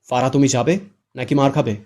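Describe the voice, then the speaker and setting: A man's voice: medium pitch, fairly even intonation, brisk, a little mellow, lightly acted. A man playing a scolding young male teacher. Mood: angry. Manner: scolding, barking. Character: hot-tempered young male university teacher.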